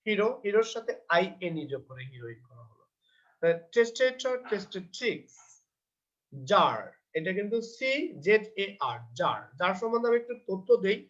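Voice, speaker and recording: High-voiced Bangladeshi grammar teacher. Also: male voice, sing-song, fairly bright tone. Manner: reads English textbook lines slowly, then explains in Bengali; asks himself questions and answers them. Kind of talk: recorded grammar lecture. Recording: dull lo-fi recording.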